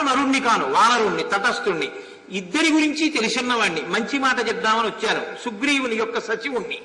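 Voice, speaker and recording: A man's voice: sits high, bright, forceful tone. A man voicing a bold, wise monkey envoy who firmly declares his rank and mission, in an echoey hall.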